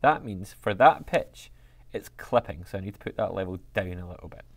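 A man teaching a music technology lesson, explaining software steps in an upbeat, chatty way. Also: sits low, expressive, fairly quick.

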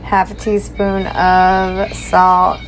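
Talking to the camera as she cooks at home, this young cooking vlogger keeps things chatty and casual, though her lowish voice stays completely flat and she draws out her words. Faint music sits in the background of the poor-quality phone audio, recorded near the stove amid kitchen sounds.

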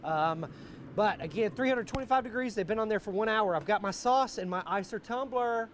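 A middle-aged American man, a barbecue cook, hosts a live outdoor cooking show from a wooden deck, full of jolly, hearty, folksy banter. He talks briskly in a high voice. Faint outdoor noise can be heard in the background.

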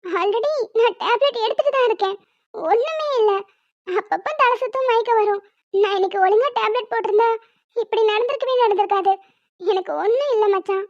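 A woman's voice: extremely high pitch, fairly quick, no echo. A woman voicing a scheming, playful young cartoon wife who coaxes and teases her husband in a cutesy way. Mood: coaxing, soothing. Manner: sly and coaxing, cutesy. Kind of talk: cartoon voice dubbing. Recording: dull dry lo-fi sound.

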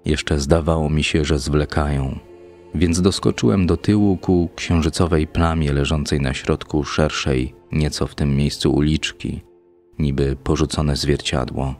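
Very deep-voiced male audiobook narrator. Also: fairly even intonation, a little slow, darkish tone, faint music behind. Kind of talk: scripted first-person literary narration.

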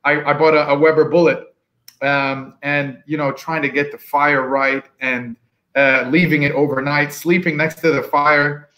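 A man's voice: on the high side, a little slow, rough recording. A man on a video call from a room with bookshelves, chatting casually as a guest pitmaster and acting out the people he quotes. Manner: relaxed storyteller, acts out quoted customers. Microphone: video call from home.

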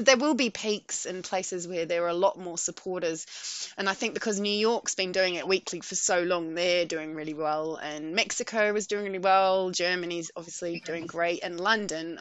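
Woman, thirties, New Zealand accent, host of a home video call; bright tone, dry headset sound, chatty and eager. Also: mid-range voice, no room sound. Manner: chatty, enthusiastic, many fillers. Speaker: host of an online campaign meeting. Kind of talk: casual video-call chat. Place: room at home.

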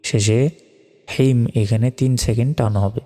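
A man's voice: medium pitch, steady tone, normal speed, dark tone, long reverb tail. A man from Bangladesh giving a recitation lesson, spelling out each letter and vowel, then chanting the words long and drawn out. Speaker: Quran recitation teacher.

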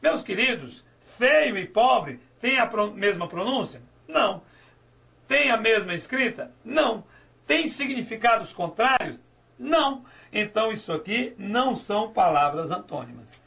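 A man's voice: high-pitched, big pitch swings, unhurried, creaky, sharp tone. A male teacher giving a grammar lecture, asking and answering his own questions and drawing out key words. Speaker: Portuguese teacher.

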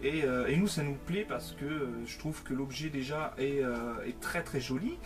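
A man's voice: mid-range voice, moderate pace, loud music behind the voice. A man, chatting casually to camera as a teasing, talkative storyteller. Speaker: co-host of a video game collecting vlog. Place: small game-collection room indoors.

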